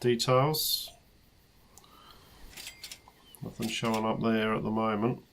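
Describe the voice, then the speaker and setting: An Australian man thinking aloud as he plays a strategy game, counting quietly under his breath, his voice worn and starting to go. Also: lowish voice, flat delivery, normal speed, creaky, a little hiss or hum. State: losing his voice. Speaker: let's play host. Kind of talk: casual gameplay commentary.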